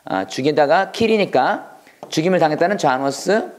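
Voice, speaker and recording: A man teaching English vocabulary in a video lesson, repeating words slowly and acting out little taunts. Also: on the high side, animated.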